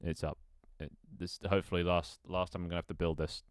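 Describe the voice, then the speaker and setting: A young man streams a game, chatting casually with viewers and talking to himself while setting things up, rambling with frequent restarts and laughs. His low voice is level in tone, fast and smooth, captured in a dry, clean studio recording.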